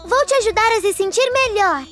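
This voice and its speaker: A woman's voice: extremely high pitch, lively intonation, brisk, music in the background. A woman voicing a caring, cheerful little fish nurse in a children's cartoon, encouraging young viewers with exclamations.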